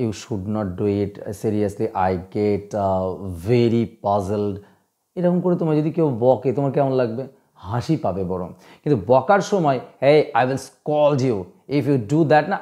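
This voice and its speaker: Male English teacher for a video lesson, emphatic and questioning, warm tone. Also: on the high side. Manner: emphatic, asks rhetorical questions, mixes in English phrases.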